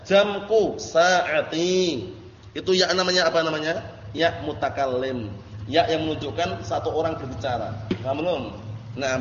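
A man's voice: on the high side, slight background noise. A man teaching an Arabic grammar lesson in a classroom, patiently checking that his students understand. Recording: echoey lo-fi classroom recording.

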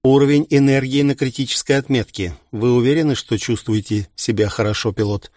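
A man's voice: medium pitch, brisk, darkish tone, no echo, clean studio sound, natural voice. A man voicing a curt military commander giving orders over a headset, clipped and commanding. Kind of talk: audiobook character reading.

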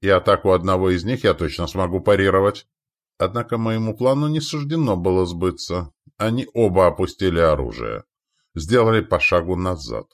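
A man narrates a first-person audiobook in a measured, wry voice. His pitch sits on the low side. The reading is steady and even.

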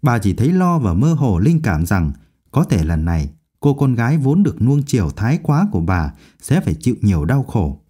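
A man narrating a novel audiobook in an expressive, measured reading. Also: medium pitch, husky.

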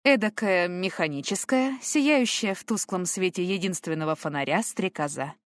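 A woman's voice: lowish voice, normal speed, no echo. Female audiobook narrator, emotional first-person read, dry close mic. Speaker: audiobook reader.

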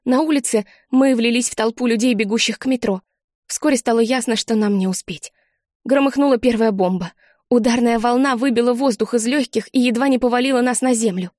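A woman narrating a first-person story as an audiobook, measured and expressive. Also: fairly high pitch, no room sound, studio quality. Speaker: audiobook reader.

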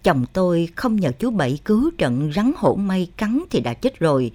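A woman's voice: on the low side, sing-song, moderate pace, warm tone. A woman voicing a middle-aged village wife who weeps while lamenting a death. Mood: tearful lament. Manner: tearful lamenting.

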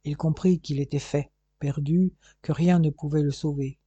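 A man reading an audiobook in a measured, steady way, with scripted narration, on a dull, lo-fi, dry recording. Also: on the high side, slightly rough, dry recording. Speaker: audiobook reader. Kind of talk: scripted narration of a crime novel.

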